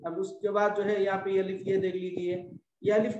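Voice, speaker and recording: Male tajweed teacher, high voice, patient and repetitive, drawn-out examples, echoey room. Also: flat delivery, recorded from a distance, dull audio, background noise. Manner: patient, repetitive explaining, stretches out example words. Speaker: Quran recitation teacher. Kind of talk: classroom lesson on tajweed rules.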